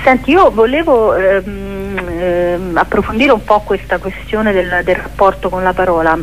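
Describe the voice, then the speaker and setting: A woman's voice: mid-range voice, a little slow. A woman interviewing on radio in a reflective literary style, hesitant and often searching for her words. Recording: clearly noisy, humming background.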